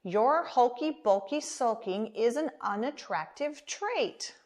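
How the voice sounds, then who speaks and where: A woman's voice: a little high, expressive, slow pace, darkish tone. Woman voicing a blunt octopus. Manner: blunt, straight-talking. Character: blunt eight-armed octopus.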